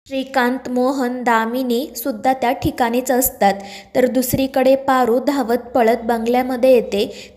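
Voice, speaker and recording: Woman reading out a soap episode recap, high voice, soft and dark tone, steady pace. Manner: steady read-aloud storytelling. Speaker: serial recap narrator. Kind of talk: scripted narration.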